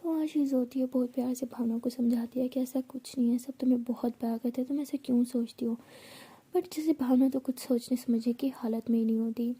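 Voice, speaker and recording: A woman storyteller narrating a romance in a soft, half-whispered way. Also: fairly high pitch, steady tone, brisk, slightly rough.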